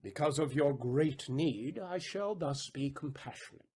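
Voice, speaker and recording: A male actor with a fairly high, slightly mellow, husky voice plays an aggrieved, wily moneylender in a Shakespearean audio drama. His delivery is deliberate, rhetorical, and sardonic, with an ingratiating, sly mood.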